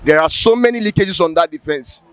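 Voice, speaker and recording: A football fan with a Nigerian English accent, talking excitedly and repeating himself. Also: male voice, on the high side, brisk, clear, resonant tone.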